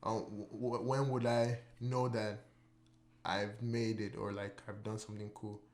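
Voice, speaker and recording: Rambling podcast host in a roomy space. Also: male voice, fairly low pitch, level tone, measured pace, darkish tone. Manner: rambling, full of "like" and repeated words. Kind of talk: casual chat. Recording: roomy echo.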